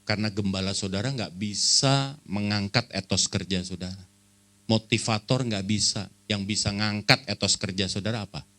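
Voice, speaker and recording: Middle-aged male pastor from Java; bright, tense voice; easygoing humor building to forceful preaching. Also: fairly low pitch, moderate pace. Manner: joking, conversational, rising to emphatic preaching. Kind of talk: sermon. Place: church service.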